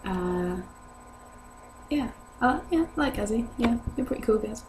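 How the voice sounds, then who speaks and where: This young adult British vlogger has a fairly high, expressive voice and takes her time as she answers viewer questions. Though a sore throat has dropped her voice below its usual pitch, she rambles casually and a bit hesitantly to camera. Hum and noise from her home setup run underneath.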